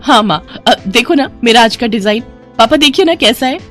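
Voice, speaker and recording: A woman's voice: a little high, lively intonation, normal speed, a bit bright, soft background music. A woman voicing a cheerful young daughter who loves drawing mehndi designs, speaking in a sweet, coaxing way.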